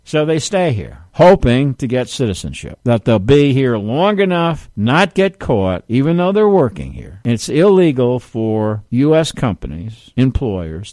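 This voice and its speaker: A man's voice: mid-range voice, darkish tone, no echo, clean studio sound. A middle-aged man giving an emphatic political commentary monologue, asking rhetorical questions and addressing listeners as folks.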